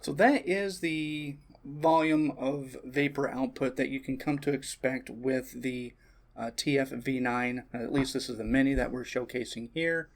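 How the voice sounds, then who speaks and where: A man giving a relaxed product demonstration, talking casually with frequent fillers and self-corrections. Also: medium pitch, measured pace. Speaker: shop presenter.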